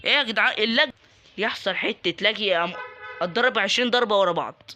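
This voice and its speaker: A young man with an Egyptian Arabic accent commentating his game, excitable and joking as he taunts other players. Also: high voice, quick pace, slight background noise. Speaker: gaming YouTuber. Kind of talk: live Roblox gameplay commentary.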